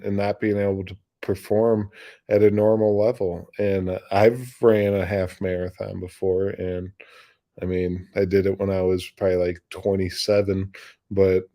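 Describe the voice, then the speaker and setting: Hoarse man rambling through news. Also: lowish voice, warm tone. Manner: rambling, loose, with off-the-cuff asides and restarts. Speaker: livestream news show host. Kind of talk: reading news stories aloud with casual commentary.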